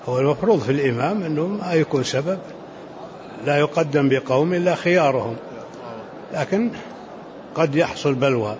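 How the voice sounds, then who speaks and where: A man, a sheikh giving unhurried commentary in a religious lesson, dropping into softer asides. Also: fairly high pitch. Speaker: sheikh commenting on a fiqh text. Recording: muffled lo-fi recording with faint hiss.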